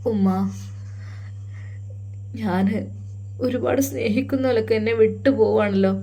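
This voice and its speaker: A woman voicing a heartbroken young wife who speaks quietly and tearfully, with a Malappuram Malayalam accent. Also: on the high side, unhurried, creaky. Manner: quiet, sobbing, hushed.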